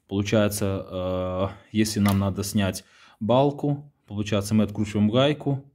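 A man casually walking through the homemade tractor he built, explaining it in a halting way, with many fillers and restarts. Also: fairly low pitch, dark tone. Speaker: home mechanic showing his build. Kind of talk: casual garage walkthrough.

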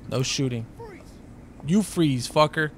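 A young man chatting casually during a co-op game, excitable, foul-mouthed and joking. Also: fairly high pitch, takes it slowly. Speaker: video game player. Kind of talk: casual co-op gaming chat. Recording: gunfire and game noise behind voice. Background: video game gunfire.

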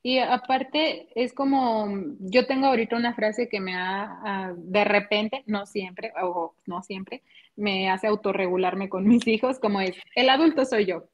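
A woman with a Mexican accent chatting casually, animated, laughing often and acting out what people said. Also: medium pitch, measured pace. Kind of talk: casual chat. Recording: dull lo-fi audio.

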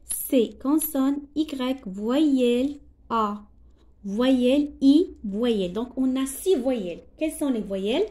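A woman teacher with a Moroccan accent, slowly explaining a primary school lesson, spelling out letters and translating words as she goes. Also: high-pitched, expressive, dark tone.

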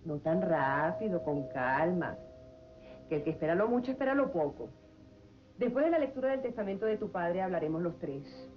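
An actress with a Venezuelan accent playing a commanding, sharp-tongued head of household in a telenovela. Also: female voice, fairly low pitch, very animated, normal speed. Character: domineering woman head of household. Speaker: Eva, family matriarch. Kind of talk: 1990s telenovela acting. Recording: dull lo-fi TV audio with music.

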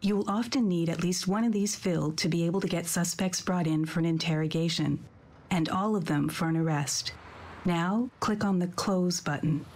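A woman's voice: on the low side, moderate pace, a little mellow. A woman giving scripted tutorial instructions for a video game in a composed, instructional manner. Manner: clear-worded, instructional, composed. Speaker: tutorial narrator.

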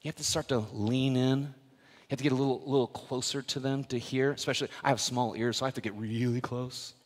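Lively pastor preaching in a hall. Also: male voice, medium pitch, fast talker. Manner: animated preaching, swings from loud emphasis to hushed asides, self-deprecating humor. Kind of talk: sermon. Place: church sanctuary. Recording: live church hall with long reverb.

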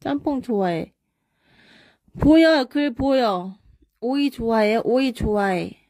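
A young woman casually chatting on a live stream, reading viewer comments aloud and answering quick either-or questions. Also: fairly high pitch, animated, a little mellow, no room sound, studio quality.

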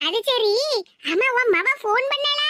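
A curious cartoon neighbour woman who keeps prying and gossiping in a Tirunelveli Tamil lilt, as a voice actor plays her. The voice is pitched very high, with steady background noise. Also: unhurried. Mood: gossipy. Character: nosy, caring neighbour woman. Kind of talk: cartoon voice acting.

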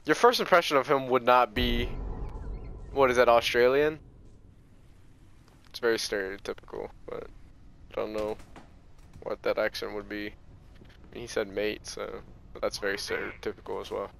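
A man's voice: fairly low pitch, fairly even intonation, normal speed, vocal fry, long pauses, a bit bright, slight background noise. A man giving casual, joking commentary while playing a video game. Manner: laid-back, joking. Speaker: gameplay streamer.

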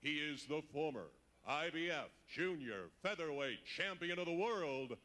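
A man working as a boxing ring announcer, his voice swinging widely in pitch as he booms out introductions. The tone is bright and forceful, pitched a little high, and he stretches the names for the arena. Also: lively intonation. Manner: booming, drawn-out introductions. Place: arena ringside.

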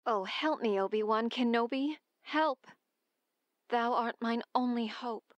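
A woman's voice: fairly high pitch, measured pace, highs cut off, lightly acted. A woman playing an imploring young princess in distress in an amateur Shakespearean dramatic reading. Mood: pleading.

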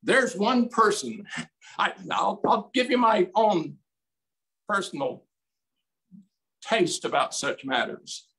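A man in his eighties preaching a sermon as pastor, slow and emphatic in a folksy way, recorded on a desk mic in a small room. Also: sits high, big pitch swings, sharp tone, rough recording. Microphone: desk mic on stand, streamed over video call.

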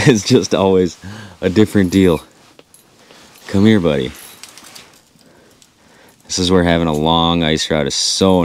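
Male fishing vlogger, thirties, very low voice, excitable play-by-play, action-cam audio with faint hiss. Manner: excitable, talks to viewers while reeling in fish. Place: inside an ice-fishing tent. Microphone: action camera mic.

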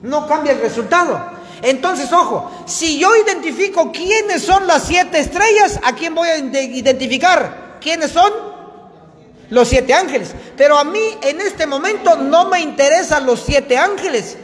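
A man's voice: extremely high pitch, expressive, measured pace, a bit bright. A pastor preaching a sermon, teaching emphatically and pressing his listeners with questions they answer back. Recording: echoey hall with long reverb.

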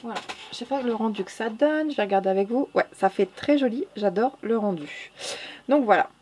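A woman with a non-standard French accent talks her way through a coloring tutorial in a relaxed, chatty way. She corrects herself often and keeps muttering "hop" as she works. Her voice sits a little high, with a faint hiss in the room behind it. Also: fairly quick. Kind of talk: casual narrated drawing tutorial.

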